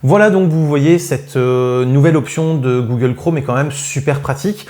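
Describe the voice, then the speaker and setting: A man's voice: medium pitch, moderate pace, a little mellow. Casual French tech tutorial man. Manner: casual, explanatory, frequent fillers. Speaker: tech YouTuber. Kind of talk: screen-recorded tutorial.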